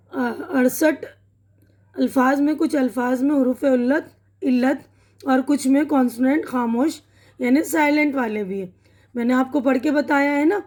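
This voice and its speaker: A woman with a Pakistani Urdu accent teaches English vocabulary and pronunciation, patiently reading word lists aloud, repeating words slowly, and checking in with students using "theek hai na." Her voice is high-pitched and a little mellow.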